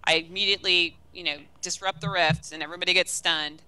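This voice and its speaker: Very bright-voiced woman chatting about games. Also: lowish voice, fast talker, smooth, no room sound, rough recording. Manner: animated, profane, acts out scenes. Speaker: co-host of a game discussion. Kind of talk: casual game chat.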